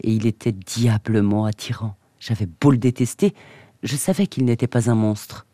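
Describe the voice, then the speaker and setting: Radio guy reading a book excerpt, mellow darkish voice, dry close mic. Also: fairly low pitch, moderate pace, no echo. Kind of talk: reading a novel excerpt aloud.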